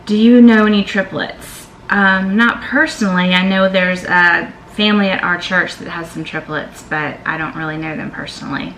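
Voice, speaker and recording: A woman's voice: lowish voice, steady tone, moderate pace, few pauses, fairly bright tone. A middle-aged woman with a Southern American accent, chatting casually as she answers tag questions in her vlog, emphatic and fond of saying y'all. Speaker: vlogger. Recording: echoey room with faint ambient noise.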